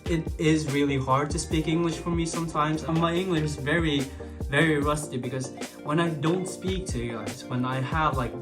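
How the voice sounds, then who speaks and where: A Swedish man speaks English with a Swedish accent in a casual, reflective vlog monologue, his voice fairly high. He's hesitant, restarting often and filling gaps with "like." His external mic died, so he's on the built-in camera mic, talking over clearly audible background music.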